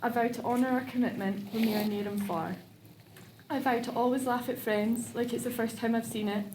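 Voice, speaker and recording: A woman's voice: a little high, fairly even intonation, fairly quick, darkish tone. A woman reading her own wedding vows aloud, nervous and laughing between lines. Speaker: bride renewing vows. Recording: echoey room with background noise.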